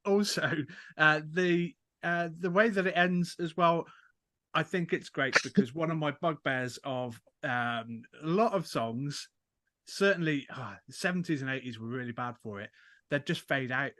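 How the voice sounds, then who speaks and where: A man's voice: fairly high pitch, normal speed, pushed and bright, dry recording. A man co-hosting a music podcast, chatting with dry, wry humour. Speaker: podcast co-host. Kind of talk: casual interview chat.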